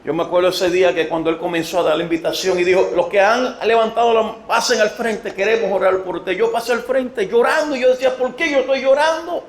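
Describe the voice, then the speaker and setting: High-voiced Puerto Rican evangelist preaching. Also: male voice, fairly even intonation, quick pace, few pauses. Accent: Puerto Rican Spanish. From Puerto Rico. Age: late 50s or 60. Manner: storytelling, rising to shouted emphasis. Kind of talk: sermon with personal testimony. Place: church sanctuary. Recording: echoey church room.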